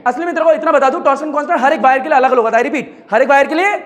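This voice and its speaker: Guy teaching physics, really high voice, dictates notes, keeps asking the class to repeat. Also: rapid-fire, fairly bright tone. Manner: chatty, repeats key words, prompts students to answer.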